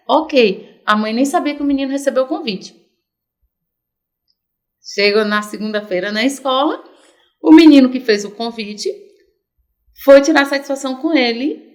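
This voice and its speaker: A middle-aged Brazilian woman with a Brazilian Portuguese accent chats casually as a podcast guest, her voice on the high side. She's an animated storyteller, telling lively anecdotes and acting out the quoted voices.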